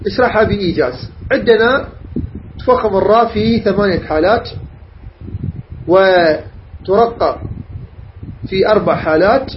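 High-voiced man teaching recitation rules. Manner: methodical, checks understanding with questions. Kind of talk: lesson. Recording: dull lo-fi recording with faint noise.

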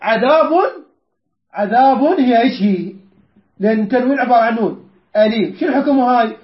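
A man with a very high voice teaches Quran recitation rules. He quizzes his students, corrects how they say each word and recites verses slowly and stretched out. The recording sounds roomy and a bit dull. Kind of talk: tajweed lesson to students.

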